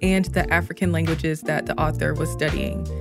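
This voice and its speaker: A woman's voice: low-pitched, fairly even intonation, moderate pace, gravelly. A woman narrating scripted podcast notes and credits as the show's producer. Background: music under the voice.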